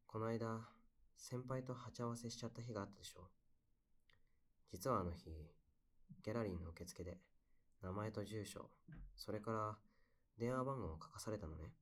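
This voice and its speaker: A man playing a wistful young man who recounts memories in an intimate, soft-spoken bedside audio drama monologue. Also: on the low side, normal speed, long pauses, lightly acted. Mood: wistful, tender.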